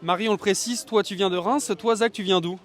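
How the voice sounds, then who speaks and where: A man interviews passers-by as a street reporter. His voice sits fairly high, and he asks his friendly questions plainly. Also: fairly even intonation, brisk. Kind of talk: vox-pop interviewing.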